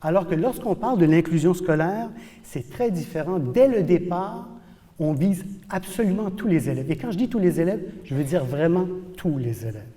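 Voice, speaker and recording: A professor lectures with animated emphasis, repeating key words to drive them home. His voice sits fairly high but sounds mellow and soft-edged. The sound carries a long reverb from a large hall. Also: normal speed. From New Brunswick, Canada.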